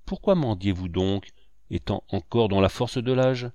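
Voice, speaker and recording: A man's voice: fairly low pitch, measured pace, no echo, highs cut off. A man voicing a gracious, generous wealthy lady in a storybook reading. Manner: gentle, gracious.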